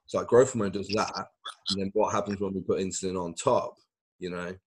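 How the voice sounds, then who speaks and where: A man's voice: low voice, fairly even intonation, brisk, husky. A man co-hosting a casual podcast, laid-back but explaining technical detail at length. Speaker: podcast co-host. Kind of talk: casual chat.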